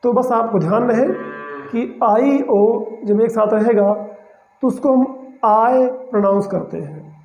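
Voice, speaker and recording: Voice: medium pitch, a little slow, a little hiss or hum. A teacher giving a pronunciation lesson, breaking words into single sounds, repeating them, and often checking in with the class. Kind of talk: spoken pronunciation lesson in Hindi. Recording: roomy, slightly dull lo-fi recording.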